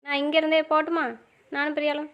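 A woman's voice: sits high, completely flat delivery, fast talker, lo-fi sound. A woman in a romantic audio drama, answering back in a stubborn, pouting, playful way.

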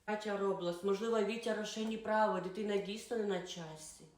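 A woman's voice: mid-range voice, fairly even intonation, fairly quick, distant mic, lightly acted. A woman doing a preachy caring neighbor. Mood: calm. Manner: lecturing, reasoning. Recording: roomy echo.

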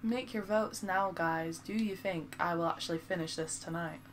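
This is relaxed live-stream chatter from a Lancashire woman playing a game at an ordinary pace. Her slightly low voice carries self-deprecating jokes and replies to comments she reads out from viewers, with a soft hum of background noise underneath.

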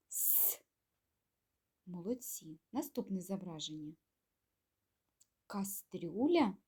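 Slow, singsong kindergarten teacher woman. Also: mid-range voice, husky. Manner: slow, gentle, coaxing questions with pauses. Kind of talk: speech lesson for young children.

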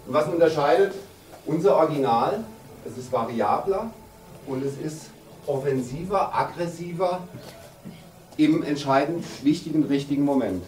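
A man in his fifties, a handball coach giving an emphatic, deliberate pre-game team talk with pauses for effect in a locker room. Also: a little high, a little mellow. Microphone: camera a few metres away. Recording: roomy, distant camera mic, background noise.

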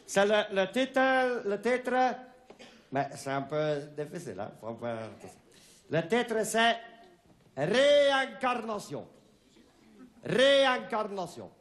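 A man tells jokes in a slow, halting way, restarting his lines and chuckling to himself. His voice sits a bit high and leaps up and down. He plays to a small audience. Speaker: stand-up comic. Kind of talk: amateur comic monologue with jokes.

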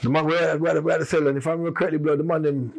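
A man talks quickly in a husky voice, spilling out a long story full of street slang and restarts. He comes across as a podcast guest in a casual interview, pressing on with a fast, rambling delivery. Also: a little high, little pitch movement.

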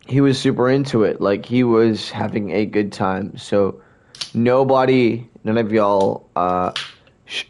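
Young man, game livestream chat, slow drawl, hiccuping, talking to viewers. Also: mid-range voice, darkish tone. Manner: rambling, talks to chat, keeps hiccuping and burping. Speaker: streamer. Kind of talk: casual livestream chat while gaming.

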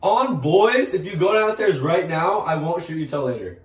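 High, lively young man, echoey and distant. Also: normal speed, noisy background. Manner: joking, laughing, mock-threatening. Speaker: vlogger. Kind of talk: casual chat.

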